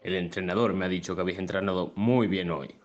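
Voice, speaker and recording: Guy playing stern ai boss, real low voice, measured and formal, short film dialogue. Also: steady tone, dull audio, close to an everyday voice. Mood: calm, stern. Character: calm, stern artificial-intelligence boss on a phone. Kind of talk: acted short-film monologue.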